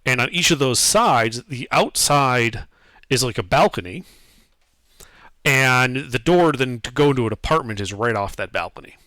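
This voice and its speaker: A man runs a tabletop game with casual, improvised narration. His delivery is halting as he searches for words, but the pitch moves in a lively way. The sound is dry. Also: no echo. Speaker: game master.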